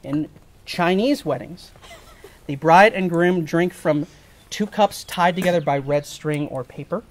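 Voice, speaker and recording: A man's voice: fairly high pitch, a little slow. A man officiating an informal wedding, explaining the ceremony in a wry way. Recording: live ceremony with faint ambient noise.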